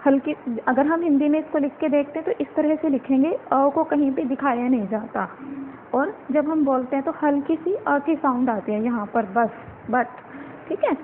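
A woman teaching a phonetics lesson, explaining step by step and asking and answering her own questions. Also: sits high. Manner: mixes English words into her talk. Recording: tinny phone-quality audio with faint noise.

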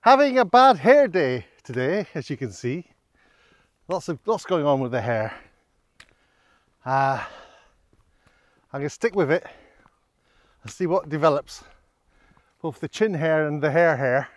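This middle-aged vlogger, a walking guide, talks into a handheld camera at arm's length while walking outdoors on village streets and country lanes, giving wry, self-deprecating commentary with hesitant asides. His fairly high voice has lively intonation, a slightly slow pace and frequent pauses, and the recording is dry.

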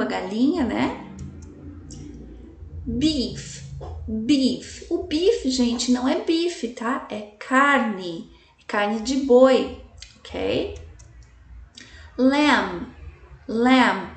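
Woman English teacher, native Portuguese, high voice, deliberate drills, echoey room. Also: a little mellow, distant mic, a little hiss or hum. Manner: slow, careful enunciation with repeated examples; checks in with "tá?" and "né?". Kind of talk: slide-based language lesson.

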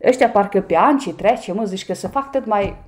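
A woman from Romania commenting on clips in a sarcastic, mocking way, speaking to her viewers as a vlogger. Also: mid-range voice. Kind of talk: reaction commentary.

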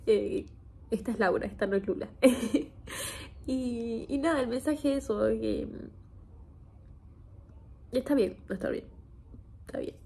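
A woman's voice: a little high, unhurried, creaky, long pauses, warm tone, husky. A woman in her twenties talking candidly to camera, hesitant and emotional, on the verge of crying. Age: 20s. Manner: hesitant, emotional, with nervous little laughs. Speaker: video creator. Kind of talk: candid confessional chat to camera. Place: home kitchen, indoors. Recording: noisy home kitchen recording.

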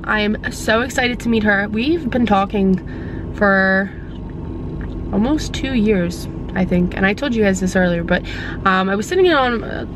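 A woman's voice: medium pitch, noisy background. Chatty young woman vlogging casually. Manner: chatty, rambling with many fillers. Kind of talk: casual vlog chat.

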